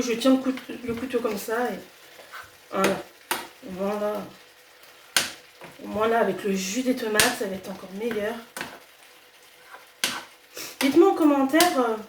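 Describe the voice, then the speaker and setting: A young woman with a fairly high voice and a slight cold talks casually through a home cooking video, full of fillers, restarts, and hesitation. The recording is echoey and distant, with background noise plus the sizzle of a pan and stirring in her home kitchen.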